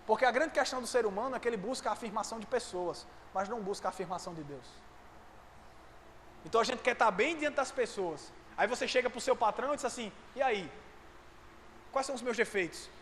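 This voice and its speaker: A man preaching a sermon, fervent and at times rising to shouts. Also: very high-pitched, animated, fast. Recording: echoey hall with faint noise.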